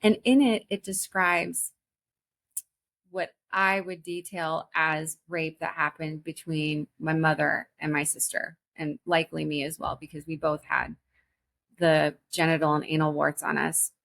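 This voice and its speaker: Earnest woman in her forties, lower-pitched. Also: flat delivery, vocal fry, fairly bright tone. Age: 40s. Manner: earnest, halting, with many restarts. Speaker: guest, spiritual teacher. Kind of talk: personal story in a podcast interview.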